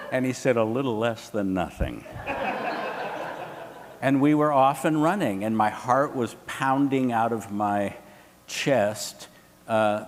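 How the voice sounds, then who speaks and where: A man's voice: mid-range voice, a little hiss or hum. Storytelling man in a reverberant room. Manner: animated, quotes others in lively voices. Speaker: panelist. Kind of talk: anecdotal storytelling. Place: hotel event room.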